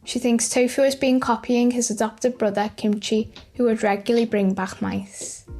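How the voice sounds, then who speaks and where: A woman's voice: a little high, flat delivery, moderate pace, a little mellow. Woman narrating over faint music. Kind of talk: scripted light-news clip narration.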